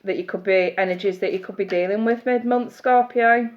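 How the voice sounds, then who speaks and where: Talking fairly quickly at medium pitch, a congested woman with hay fever reads tarot on a live stream. She's chatty, calling out viewers by name, and the audio is muffled beneath a steady hiss.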